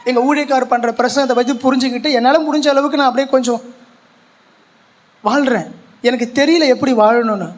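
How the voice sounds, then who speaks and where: High-voiced pastor preaching in Tamil Nadu Tamil. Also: male voice, steady tone, a little fast, long pauses. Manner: earnest storytelling with rhetorical questions and repetition. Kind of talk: sermon. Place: large church hall.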